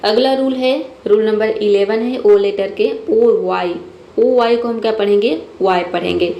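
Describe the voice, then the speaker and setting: A woman's voice: mid-range voice, a little slow, lo-fi sound. A woman teaching English pronunciation rules step by step in a patient, methodical way. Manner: patient, methodical, repeats "ठीक है" often. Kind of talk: phonics lesson explaining rules step by step. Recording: echoey room, faint noise.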